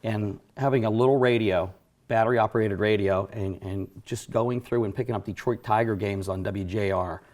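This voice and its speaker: A middle-aged racing announcer from the Johnstown, Pennsylvania area in western Pennsylvania reminisces as a guest in casual studio chat, full of fillers and self-corrections. His voice is lowish and a little mellow.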